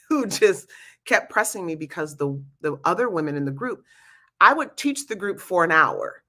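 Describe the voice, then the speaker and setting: A woman's voice: fairly low pitch, pushed and bright. A woman giving an informal, candid talk, speaking emphatically with slightly slurred speech from wearing a retainer. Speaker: youth peer group leader and speaker. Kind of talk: informal talk to an audience about a program.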